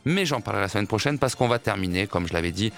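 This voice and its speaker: A man hosting a radio show in casual banter, playful and repetitive, with halting restarts. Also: fairly low pitch, expressive, vocal fry, a bit bright. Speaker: radio host. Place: radio studio.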